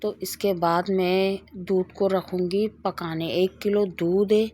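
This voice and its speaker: A middle-aged woman runs a cooking channel and hosts a home cooking video, chatting as she demonstrates a recipe and tells a moral story along the way. Her mid-range voice is warm, with a level tone and slow pace.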